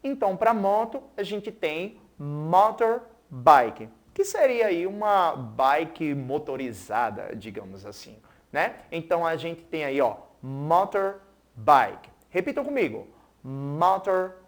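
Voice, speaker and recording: An English teacher giving a recorded school TV lesson, checking in with pupils often and saying words slowly for them to repeat. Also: medium pitch, big pitch swings. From Pernambuco, Brazil. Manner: keeps checking in with "certo?" and "né?".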